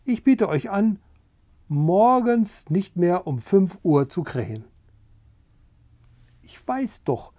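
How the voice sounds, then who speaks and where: Boastful pushy rooster, older guy reading it, high voice, bouncy and slow. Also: dry recording, heavily acted. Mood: wheedling. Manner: pushy, wheedling, excitable. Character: boastful eager young rooster.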